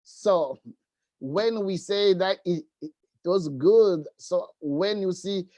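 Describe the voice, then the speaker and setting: A man from eastern Congo, speaking earnestly and haltingly in a video call discussion. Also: high-pitched, mellow, dry recording. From eastern Democratic Republic of the Congo. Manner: earnest, halting, repeats words. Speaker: workshop participant.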